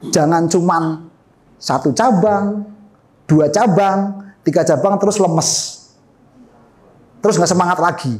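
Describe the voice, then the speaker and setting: A middle-aged man with a high voice delivers an energetic business seminar into a handheld mic in a meeting hall. He gestures and fires questions at his audience.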